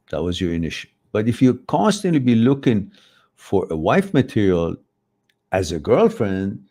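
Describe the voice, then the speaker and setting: A Farsi speaker from Iran, middle-aged, runs a live advice stream and reads viewer questions out loud. His voice sits low with a dark tone, and his delivery rambles, full of self-corrections.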